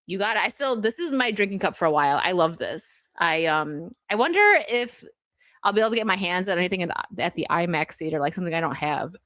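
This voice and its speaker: A woman's voice: lowish voice, fast, a bit bright, no room sound. A woman hosting a casual livestream chat, talking in a giggly, rambling way full of fillers. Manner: chatty, giggly, many "like" fillers. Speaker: streamer host.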